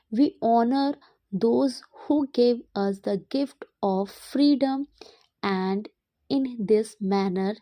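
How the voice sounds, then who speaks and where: A woman is dictating as a teacher would for learners writing it down. She goes very slowly, in small groups of words with clear gaps between them. Her tone is dark and relaxed, at a medium pitch, in a dry recording with little room sound. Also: no echo. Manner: dictating word group by word group with deliberate pauses. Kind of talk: slow dictation, read out in short separated phrases and repeated.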